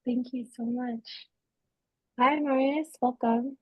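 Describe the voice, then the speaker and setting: A woman's voice: a little high, fairly even intonation, slow, no echo, poor audio. A woman moderating a film Q&A panel, introducing guests and asking questions in an encouraging way.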